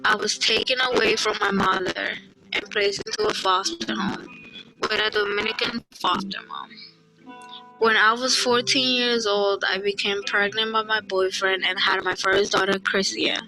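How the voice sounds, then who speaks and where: A young woman from El Salvador narrates her life story in a quiet, earnest voice, her tone sitting at an ordinary middle pitch. Clear guitar music plays behind her throughout, as in a played-back video. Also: level tone, moderate pace, low-quality recording. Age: young adult.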